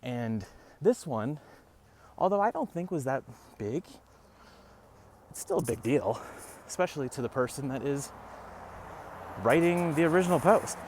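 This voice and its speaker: A man talks straight to camera in a casual rant, wry and sarcastic. His pitch swings widely up and down as he tells the story. He sounds a little out of breath, as if walking uphill outdoors. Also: a little slow, pauses often, a little hiss or hum. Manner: animated, wry, sarcastic asides. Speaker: realtor vlogger.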